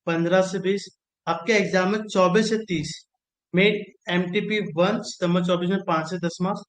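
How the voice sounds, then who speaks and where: A man's voice: high voice, steady tone, moderate pace, slight background noise, poor audio. A man teaching an exam-strategy lesson, repeating key phrases again and again in a coaxing way. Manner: repetitive, drilling phrases over and over, coaxing.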